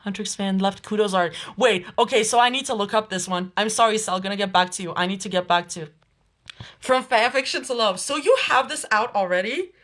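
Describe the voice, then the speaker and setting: A woman live streamer chatting and reacting to her audience, excitable and often bursting into squealing laughter. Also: medium pitch, fairly quick.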